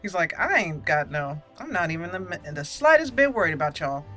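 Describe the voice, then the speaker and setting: Speaking fairly quickly in a lowish, very animated voice with a bright, forceful tone, a woman hosts a roleplay game playthrough on her gameplay channel. She moves between commentary and in-character lines in a giggly, theatrical way while faint game music plays.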